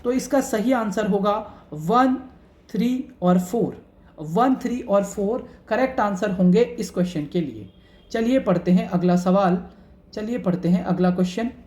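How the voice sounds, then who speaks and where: A woman teaching nursing exam questions, reading each one slowly and then explaining it in a chatty, conversational way. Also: mid-range voice, animated, darkish tone. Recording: echoey room.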